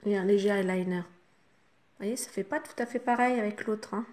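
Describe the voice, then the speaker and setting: Une femme francophone au ton bavard, qui explique pas à pas son maquillage aux spectatrices avec beaucoup de « hop » et « voilà ». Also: female voice, mid-range voice, brisk, darkish tone. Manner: chatty, talks the viewer through each step with fillers like "hop" and "voilà". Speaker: makeup vlogger. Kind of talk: casual makeup tutorial.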